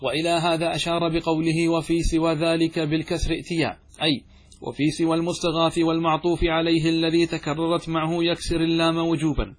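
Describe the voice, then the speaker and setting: A man teaching a classical Arabic grammar text, reading lines aloud and explaining them, often asking questions and answering them himself. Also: fairly high pitch. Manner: slows and stretches example phrases.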